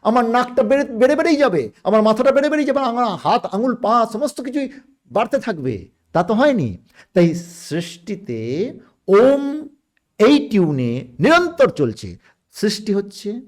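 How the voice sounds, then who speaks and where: This man has a high voice that moves up and down a lot. He talks as a guest on a podcast about spiritual ideas, and he explains things in a measured, patient way, stopping now and then to find the right word. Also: very animated. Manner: measured and explanatory, with searching pauses.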